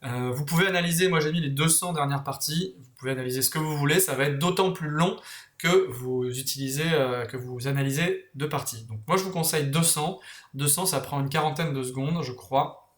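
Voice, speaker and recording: A man explains software steps in a loose, conversational tutorial, backtracking when he misspeaks. His voice sits a little high for a man. The recording carries a noticeable roomy echo. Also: brisk. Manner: casual, talks while clicking, self-correcting. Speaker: tutorial host.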